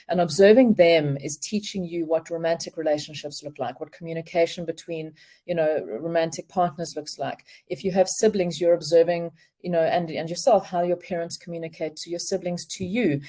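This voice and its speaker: Calm woman explaining over a video call. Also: on the low side. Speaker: relationship expert guest. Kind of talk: remote interview, explaining.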